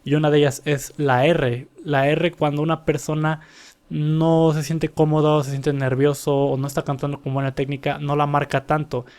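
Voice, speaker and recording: A young man with a fairly high, darkish voice talks at a moderate pace with little pitch movement. Working as a vocal coach, he casually analyzes a singer's vocal technique, pausing to sing short examples that illustrate his points.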